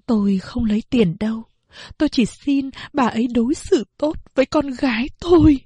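A woman's voice: on the high side, moderate pace, mellow, slightly rough, no echo, pitched above the performer's own voice. A woman voicing a poor, humble mother who speaks tearfully and pleadingly in a storybook reading.

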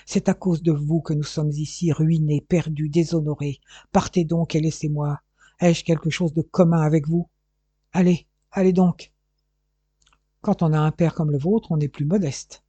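Man reading cold proud young woman, bitter and firm, husky dark voice, dry dull audio. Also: a little high, flat delivery, normal speed, dry recording. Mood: contemptuous.

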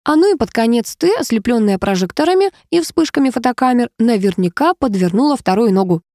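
A woman's voice: fairly high pitch, lively intonation, warm tone, dry recording, studio quality, voice pushed up. Woman voicing a chatty teasing girlfriend. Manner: quick, mocking, gossipy.

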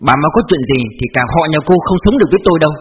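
A man's voice: a little high, expressive, racing, slight background noise, pitched above the performer's own voice, natural voice. A man voicing a hot-tempered village husband and grown son, blunt and stern. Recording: dull lo-fi audio with faint music.

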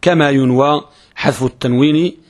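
A man's voice: medium pitch, moderate pace. A man giving a grammar lecture as a religious teacher, asking rhetorical questions and repeating key phrases. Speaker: Islamic scholar teaching Arabic grammar. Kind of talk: classroom lecture.

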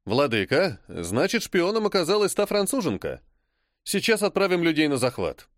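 A man voicing a brisk male army commander who barks impatient orders. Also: on the high side, huge pitch swings, no echo, studio quality. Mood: eager. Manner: barking, impatient.

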